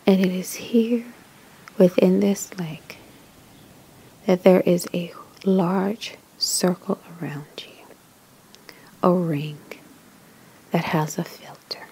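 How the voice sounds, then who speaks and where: A woman guides a meditation in a soft spa whisper, very breathy and husky. Her delivery is slow and soothing, with short measured phrases and a gentle creak in the low-lying voice. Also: steady tone, poor audio.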